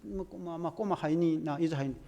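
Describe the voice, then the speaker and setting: A male pastor, preaching a sermon in an animated, storytelling way. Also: a little high, brisk, vocal fry, long reverb tail. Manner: animated storytelling with acted-out quotes.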